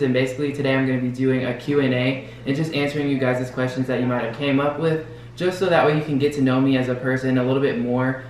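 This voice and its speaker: A man's voice: medium pitch, a little hiss or hum. A man in his twenties answering viewer questions in a casual, open, chatty vlog. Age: 20s. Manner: chatty and open, loose filler-heavy talk. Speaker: vlogger. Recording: roomy echo from a distance, with music.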